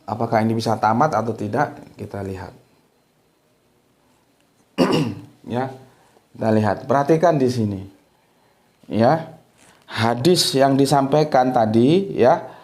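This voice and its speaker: With a medium-pitched, dark male voice, a religious teacher from Sumatra, Indonesia, delivers a loose, informal lecture. He restarts frequently and sprinkles a short "ya" after many sentences.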